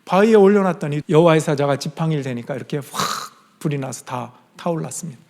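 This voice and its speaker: A man's voice: on the high side, fast talker, creaky, a little mellow. A man preaching a sermon in church, telling a Bible story with rhetorical questions and acted-out quoted lines. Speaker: pastor. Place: church sanctuary. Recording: long hall reverb.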